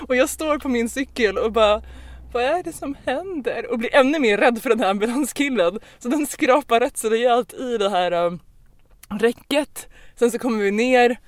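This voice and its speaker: A woman on a podcast telling a personal anecdote in a casual, lively way, with lots of fillers and restarts. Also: on the high side, no echo. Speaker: podcast host. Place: podcast recording.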